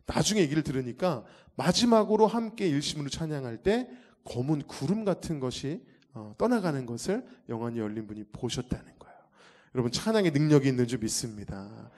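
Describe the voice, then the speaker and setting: A man giving an animated testimony to a church audience, acting out the scenes as he tells the story. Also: medium pitch, a little fast. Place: church hall.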